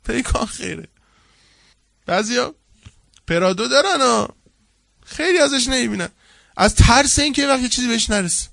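High, gravelly-voiced male preacher. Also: expressive, long pauses, no room sound, studio quality. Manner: storytelling, swinging from loud to hushed. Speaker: seminary cleric preaching. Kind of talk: colloquial sermon with anecdotes.

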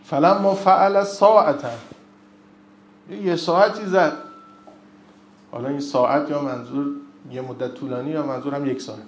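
A man's voice: medium pitch, pauses often, a little hiss or hum. A man giving an informal religious lecture, telling stories with joking asides and reciting old narrations in between. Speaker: religious speaker. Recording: roomy echo.

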